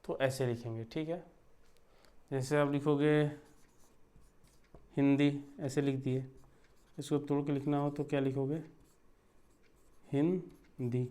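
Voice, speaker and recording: A man's voice: mid-range voice, little pitch movement, measured pace, long pauses, dark tone. A man teaching a lesson, explaining step by step and checking in with his students as he writes. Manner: explains step by step, often asks ठीक है. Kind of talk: classroom lesson.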